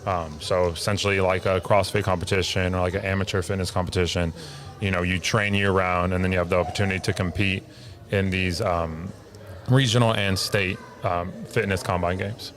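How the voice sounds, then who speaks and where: A man with a low voice talks through a fitness program, relaxed and steady, pausing now and then on fillers. He sounds easy and unhurried. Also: soft background music. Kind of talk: explaining in an interview.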